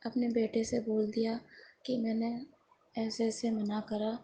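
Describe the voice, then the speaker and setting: Middle-aged woman, earnest and distressed storyteller, mellow voice, faint background hiss. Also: a little high, completely flat delivery, poor audio. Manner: earnest, distressed, retelling phone calls. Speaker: devotee sharing a personal story. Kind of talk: emotional personal account to a congregation.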